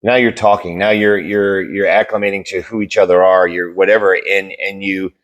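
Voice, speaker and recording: A man's voice: deep voice, level tone, moderate pace, lo-fi sound. A man co-hosting a podcast in a casual debate chat, rambling and repeating words as he searches for them. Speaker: podcast co-host.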